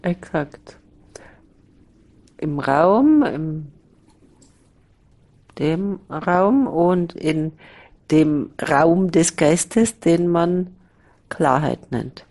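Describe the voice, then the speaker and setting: A woman speaking as a spiritual teacher in a slow, reflective dialogue, pausing often and talking in drawn-out fragments. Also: sits low, animated, darkish tone.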